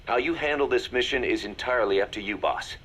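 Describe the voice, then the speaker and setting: In this video game, a male actor plays a stern military second-in-command giving a measured, businesslike briefing. His voice is natural and medium in pitch. The background is noisy.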